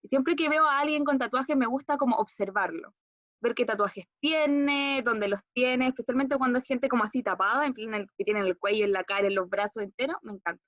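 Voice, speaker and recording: A young woman with a Chilean accent recounts a personal story as a monologue exercise. Her voice sits a bit high, and she keeps circling back with fillers and self-corrections. The recording is dry and a little muffled. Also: brisk, fairly bright tone, no echo. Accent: Chilean Spanish. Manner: rambling, hesitant storytelling with fillers and restarts. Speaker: acting student.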